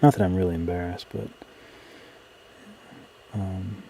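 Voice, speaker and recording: Deep and warm, with little pitch movement and a measured pace, this man's voice comes through a close microphone as he streams his digital art live. He murmurs casual commentary in trailing fragments, with clear background noise present.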